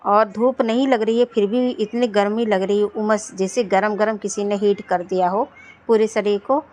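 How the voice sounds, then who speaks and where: A woman's voice: mid-range voice, steady tone, moderate pace, a little mellow. Chatty woman vlogging her chores. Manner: chatty, rambling, with frequent restarts. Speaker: homemaker vlogger. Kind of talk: casual vlog narration of daily chores. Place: at home, indoors and on a rooftop.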